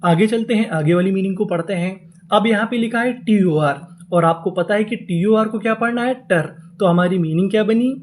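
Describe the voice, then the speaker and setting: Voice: mid-range voice, brisk, darkish tone. A teacher running a reading lesson, spelling words letter by letter, drawing them out and repeating each one several times. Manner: asks a question, then answers it right away. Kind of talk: classroom lesson for Hindi speakers.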